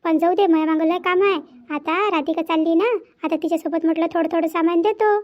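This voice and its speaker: A high fretful cartoon village mother. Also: fairly even intonation, fairly quick, muffled recording. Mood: busy. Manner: fretful, scolding motherly talk. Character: worried village mother of grown children. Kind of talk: cartoon family drama voice acting.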